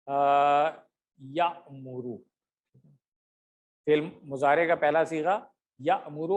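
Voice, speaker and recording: Patient male teacher drilling slowly, slightly high voice. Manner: patient, with frequent filler pauses, drawing out drill words slowly. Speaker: Arabic grammar teacher. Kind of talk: online class lesson. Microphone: computer mic on a video call with camera off.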